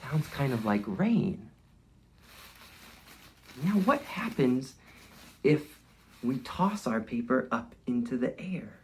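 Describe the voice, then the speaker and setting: In a mid-range, sing-song voice with a slow pace and long pauses, a man who is an educator hosts an interactive children's storytime. He guides the kids with simple phrases, questions, and movement prompts, and there's slight background noise.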